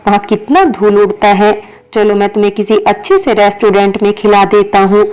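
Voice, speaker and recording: A woman voicing an apologetic male office boss in a storybook reading, speaking in a gentle, pleading way. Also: mid-range voice, steady tone, moderate pace, clean tone, natural voice.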